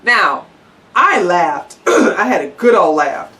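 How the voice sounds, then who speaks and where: A woman's voice: fairly low pitch, sing-song, slow, sharp tone, distant mic, slight background noise. A woman vlogger ranting to the camera, blunt and sarcastic, swearing freely. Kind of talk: angry profane rant to camera.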